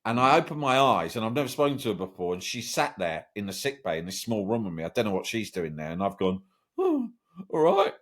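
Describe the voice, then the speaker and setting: A man, a podcast guest, telling a lively personal story in a casual, animated way. He swears freely and often tags his sentences with "right?". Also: fairly low pitch, fast talker, hardly any pauses. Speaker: podcast guest, journalist and broadcaster.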